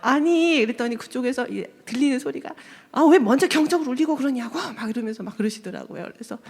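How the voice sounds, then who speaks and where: Woman telling a lively story in a hall. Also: a little high, fast talker. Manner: lively storytelling, acts out quoted voices, laughs often. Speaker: church member giving testimony. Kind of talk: personal testimony told to a congregation. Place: church sanctuary.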